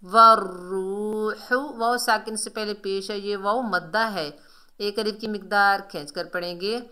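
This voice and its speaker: A woman's voice: mid-range voice, fairly even intonation, moderate pace, fairly bright tone. A woman teaching Quran recitation rules, patiently explaining pronunciation step by step and drawing out recited words as examples. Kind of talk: tajweed lesson explaining pronunciation.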